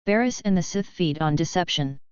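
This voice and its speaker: A woman's voice: on the low side, expressive, brisk, a little mellow, smooth, dry recording, close to an everyday voice. Darth Vader, cold and commanding, read by a woman. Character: cold armored dark lord, adult man. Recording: slightly dull, dry recording.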